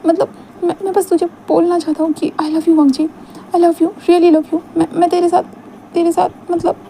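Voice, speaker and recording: A woman's voice: sits high, fairly even intonation, a little fast, creaky, dark tone, slight background noise, voice pushed up. A woman voicing an eager, nervous young man in a retold story, stammering and half-whispering as he pleads. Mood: pleading.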